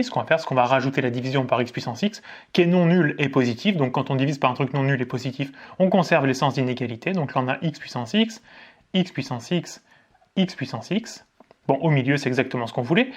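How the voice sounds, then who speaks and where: A man from France, a maths tutor, explaining a lesson at a board in a casual way, asking and answering his own questions as he goes. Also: medium pitch. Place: indoors in front of a board.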